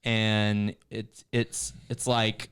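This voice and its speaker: A man's voice: on the low side, little pitch movement, extremely slow, a bit bright, clean tone. A man, co-hosting a casual church video chat, rambling with frequent restarts and turning encouraging. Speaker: church staff co-host.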